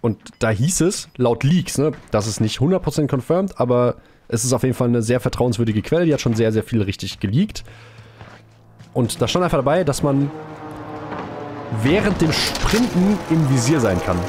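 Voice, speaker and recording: Excitable young male game streamer. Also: mid-range voice, normal speed, soft background music. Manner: casual, slangy, excitable, talks to chat. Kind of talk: live game commentary.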